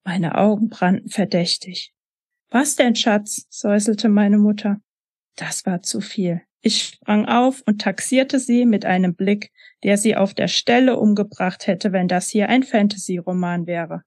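A woman author reading her own first-person novel aloud in a soft, emotional way. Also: mid-range voice, measured pace, dry recording, studio quality.

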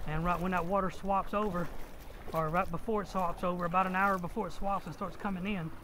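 A fairly high-pitched man talks outdoors on a riverbank, rambling and restarting with lots of fillers. His voice comes through a body-mounted camera mic, with faint outdoor noise behind him. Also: steady tone, a little fast. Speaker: fishing vlogger. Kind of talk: casual first-person vlog explanation.

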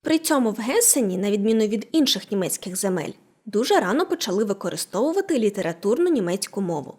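A woman narrating a scripted language lesson, explaining with clear, careful enunciation. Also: medium pitch, sing-song, fast, a little mellow. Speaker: language teacher.

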